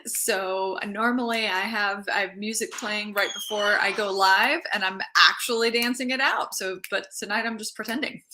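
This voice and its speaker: A woman's voice: mid-range voice, sharp tone. A woman hosting a casual live stream as a mindset coach, chatting loosely, restarting phrases and greeting viewers as they join. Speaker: livestream host and mindset coach.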